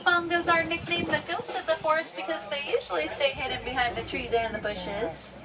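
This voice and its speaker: A woman's voice: fairly even intonation, fairly quick. A woman working as a safari guide, giving informative live tour commentary straight to her riders from an open truck outdoors. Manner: informative, addresses riders directly. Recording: distant PA, crowd chatter, loud vehicle noise. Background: crowd, rumbling vehicle, outdoor ambience.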